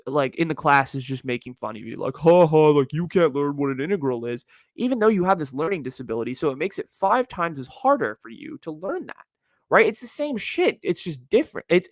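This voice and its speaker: Animated young man rambling casually. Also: a little high, no room sound, clean studio sound. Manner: rambling, conversational, frequent fillers and self-corrections; animated, swearing. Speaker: podcast host. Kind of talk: casual solo monologue.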